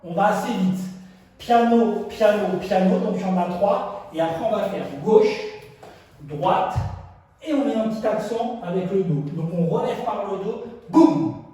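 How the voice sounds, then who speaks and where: A man's voice: high voice, expressive, normal speed, mellow. A man teaching a dance routine, counting beats and singing along as he demonstrates. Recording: echoey studio from far off.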